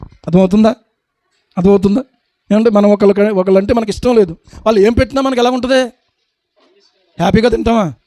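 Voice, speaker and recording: Male pastor, high voice, dry close sound, preaching with constant rhetorical questions. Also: steady tone, fast talker, long pauses, mellow, no room sound. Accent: Telugu. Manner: rhetorical questions to the congregation, acts out little scenes. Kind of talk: sermon.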